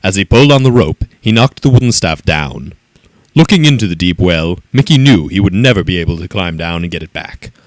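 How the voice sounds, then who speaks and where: Male storyteller, lowish voice, animated reading, dry close sound. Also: brisk, dry recording. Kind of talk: children's story read-aloud.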